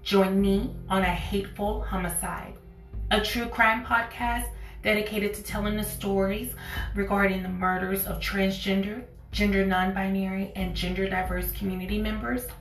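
A woman hosting a true crime podcast, narrating from a script in a deliberate, solemn manner. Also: medium pitch, steady tone. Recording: echoey room, music bed.

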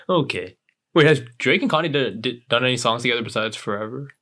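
A man's voice: medium pitch, moderate pace, sharp tone. A young man co-hosting a podcast in casual chat, teasing his friends and laughing often. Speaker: podcast co-host.

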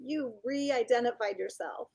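A woman's voice: on the high side, measured pace, creaky, darkish tone, husky. A woman hosting an interview in a conversational style. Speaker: interview host.

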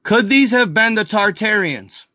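A man hosting a casual video, talking excitedly over images on screen, speculating and firing questions at his viewers. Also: high-pitched, unhurried, no room sound, clean studio sound. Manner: addresses viewers as guys and y'all, lots of fillers. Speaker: video host.

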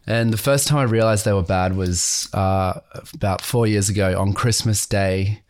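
A man's voice: lowish voice, normal speed. An Australian man telling a casual story as a guest musician, laid-back with lots of "like" fillers.

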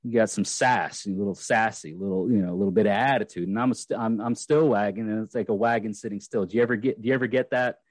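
Rambling low-voiced podcast host, man. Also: steady tone, fast, hardly any pauses, darkish tone, no echo. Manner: rambling, many fillers and restarts. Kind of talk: casual podcast chat.

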